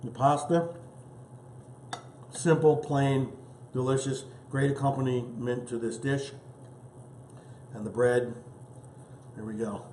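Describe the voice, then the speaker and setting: A man's voice: medium pitch, steady tone, slow pace, long pauses, warm tone, echoey room, slight background noise. A man hosting a casual home cooking show, chatting eagerly as he tastes his dish. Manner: enthusiastic, chatty, tasting food as he talks.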